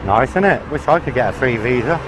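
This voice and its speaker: On a noisy city roadside, a travel vlogger with a mid-range voice talks to viewers while walking, animated and fairly quick, chatty and full of opinions. He's recorded on a handheld camera mic, with traffic noise in the background.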